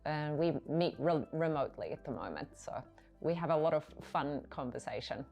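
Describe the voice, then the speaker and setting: Australian woman, low register, friendly, steady corporate interview. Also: normal speed, highs cut off. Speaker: IT project specialist. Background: soft music.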